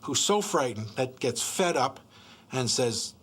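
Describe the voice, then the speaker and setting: A man's voice: medium pitch, lively intonation, measured pace, a bit bright, husky. A man giving interview testimony, recalling events in a plain, reflective way. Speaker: interviewee, survivor.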